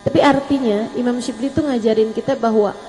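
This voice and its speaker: A woman's voice: on the high side, steady tone, fast, mellow. Woman preacher in a reverberant hall. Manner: casual, humorous storytelling in colloquial speech. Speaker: preacher (ustazah). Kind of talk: sermon to a religious gathering. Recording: long hall reverb with faint mains hum.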